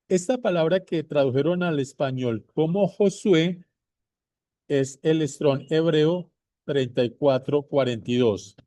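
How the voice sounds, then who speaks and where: A man teaching a Bible lesson to viewers, repeating his points slowly and speaking to them directly. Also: fairly high pitch, mellow, dry recording. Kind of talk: slow deliberate bible teaching.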